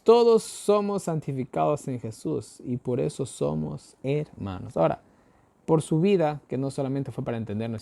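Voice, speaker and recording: Gravelly Ecuadorian man teaching the Bible. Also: medium pitch, mellow. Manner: asks rhetorical questions and answers them himself; folksy, uses everyday examples. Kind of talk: daily Bible study sermon.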